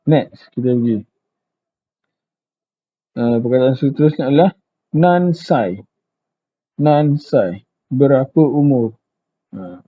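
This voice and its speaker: A man with a Malaysian accent gives a relaxed language lesson, saying each word slowly and repeating it carefully. He speaks in an unhurried, easygoing way. The sound is thin and tinny, like it comes over a phone line. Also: medium pitch, slightly rough. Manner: repeats words slowly and carefully, many fillers like okey. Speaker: Japanese language teacher. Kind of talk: casual online language lesson.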